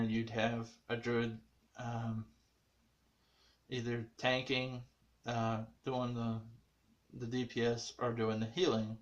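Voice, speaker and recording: A man recapping an anime episode in casual chat, rambling with lots of fillers and restarts, swinging between muttered asides and excited bursts. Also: medium pitch, dull audio. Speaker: anime reviewer.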